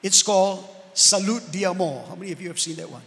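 Male preacher, high gravelly voice, emphatic sermon delivery, reverberant hall. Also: fairly quick. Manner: emphatic preaching with sudden loud outbursts and asides to the congregation. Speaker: pastor.

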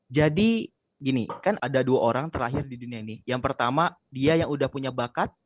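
Young male podcast guest, quick casual explainer, dry close sound. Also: medium pitch, dry recording. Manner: relaxed and explanatory, with slangy fillers. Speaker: podcast guest, public speaking trainer.

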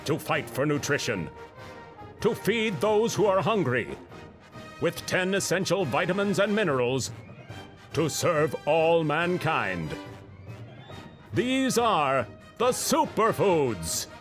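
A man's voice: fairly high pitch, big pitch swings, slow pace, pauses often. A man playing a grandiose, mock-epic announcer for a superhero cartoon parody. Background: music.

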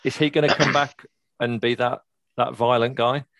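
A man hosting a casual sports podcast, relaxed and a little hesitant as he asks questions. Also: mid-range voice, normal speed, creaky, dry recording. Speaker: podcast host.

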